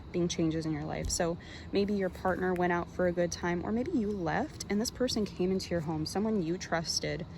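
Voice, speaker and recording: A woman with a slightly low voice and noticeable vocal fry talks a viewer through a tarot card reading. Her delivery is informal and conversational, sprinkled with slang. Clear background noise sits behind her voice.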